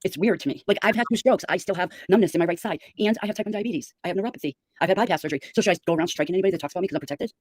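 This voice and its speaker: A woman's voice: lowish voice, very fast, hardly any pauses, darkish tone, no room sound. A middle-aged woman chatting casually and giving opinionated gossip on a livestream.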